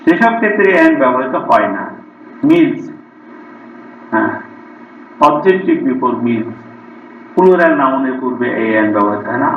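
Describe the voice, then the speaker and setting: Man, Bengali accent, teacher reading out grammar word lists, voice from across a roomy space, muffled lo-fi sound. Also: medium pitch. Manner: reads word lists, slows right down for English sentences. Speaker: school English teacher. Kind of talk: classroom grammar lesson. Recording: distant, roomy, dull lo-fi recording.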